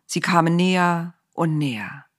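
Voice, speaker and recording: Lady reading a kids bible story, expressive, kinda low voice. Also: unhurried. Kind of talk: storybook narration.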